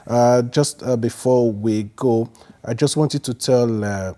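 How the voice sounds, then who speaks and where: A man's voice: medium pitch, takes it slowly, mellow. A man hosting a podcast, upbeat and motivational as he thanks the guest and wraps up. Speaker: podcast host. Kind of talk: interview conversation.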